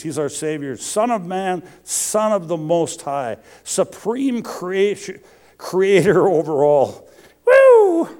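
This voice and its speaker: A man in his sixties preaching a sermon, animated, calling out questions to the congregation and building rhythmic lists. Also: on the high side. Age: 60s. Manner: repetitive, rhythmic listing.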